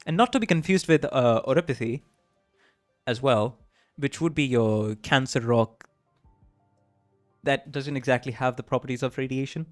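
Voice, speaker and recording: A man's voice: mid-range voice, normal speed, dry recording, soft background music. Chatty man streaming a game. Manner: chatty, laughs often, stumbles over words. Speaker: livestreamer. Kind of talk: casual game stream, reading dialogue aloud.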